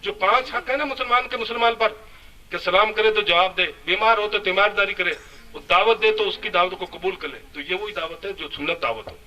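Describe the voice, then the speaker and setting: Male preacher, high bright voice, emphatic sermon, picked up from a distance. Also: fairly quick. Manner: emphatic, rising and falling delivery. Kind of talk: Urdu-Hindi sermon.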